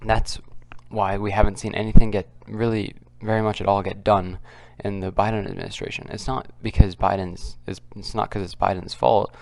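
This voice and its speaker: A man hosting a casual, unscripted commentary video, keeping his voice quiet and subdued and talking in a halting, repetitive way. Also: fairly low pitch, flat delivery, creaky. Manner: kept quiet, subdued because others are nearby. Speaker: political commentary video host. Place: at home, others nearby.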